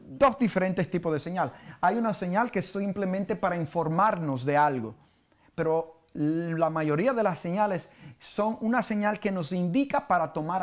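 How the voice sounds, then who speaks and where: Preaching a bible study, this Cuban pastor speaks with a Cuban Spanish accent in a high voice. His delivery is halting, full of fillers, and he keeps posing questions to those listening.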